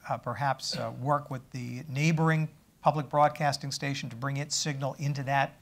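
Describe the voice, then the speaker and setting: A middle-aged man, a government official on a conference stage, answering audience questions in a measured, halting way with many fillers. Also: mid-range voice. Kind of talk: panel Q&A answers.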